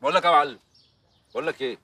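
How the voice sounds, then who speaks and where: A man playing a bossy, shouting film director. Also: fairly high pitch, rapid-fire, far from the mic, natural voice. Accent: Egyptian Arabic. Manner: barking orders. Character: bossy hot-tempered male film director.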